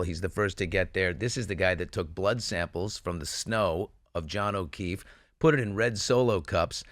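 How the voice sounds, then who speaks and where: A male talk show host leads a true-crime news discussion, speaking emphatically and with strong opinions while posing rhetorical questions. His lowish, fairly bright voice is recorded in clean studio sound with no room ambience.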